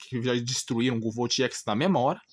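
This man, a gaming channel host, speaks briskly in a mid-range voice with a Brazilian Portuguese accent. His informal rant is blunt and exasperated, full of repetition and rhetorical questions.

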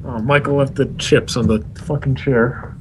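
A man's voice: medium pitch, fairly even intonation, moderate pace, darkish tone, a little hiss or hum, rough recording. A man chatting with a friend while gaming, blunt and dismissive, tossing out crude jokes. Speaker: gamer. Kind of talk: casual chat while gaming.

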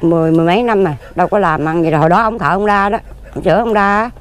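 In a casual interview outdoors among graves, a woman in her fifties who sells lottery tickets speaks in a lowish voice at a racing pace. Her Southern Vietnamese accent carries plain, earnest talk that rambles on at length.

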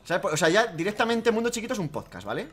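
A man's voice: sits high, very animated, quick pace, a bit bright, slightly rough. A man from Spain hosting a casual comedic chat, rambling and joking with bursts of laughter. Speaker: podcast host.

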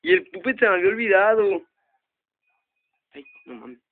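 Young male gamer, Mexican Spanish accent, high-pitched, foul-mouthed panicky commentary, phone-quality audio. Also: very animated, normal speed, gravelly. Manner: swearing constantly, yelping in panic. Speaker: gamer host. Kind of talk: let's play commentary. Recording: tinny lo-fi phone recording.

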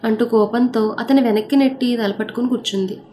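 A woman storyteller reading a story in a steady, expressive narration. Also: on the high side, brisk. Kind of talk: scripted audiobook narration. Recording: narration over soft background music.

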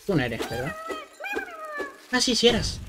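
A man's voice: high-pitched, very animated, unhurried, fairly bright tone, a little hiss or hum. A man doing casual let's-play commentary like a scared horror game streamer, jumpy and swearing freely. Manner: foul-mouthed. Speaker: gaming streamer.

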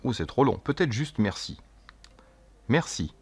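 A man casually demonstrating a gadget as a tech reviewer, chatty and jokey, and speaking his test phrases slowly and clearly. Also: lowish voice, expressive, slight background noise. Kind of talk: casual product demo.

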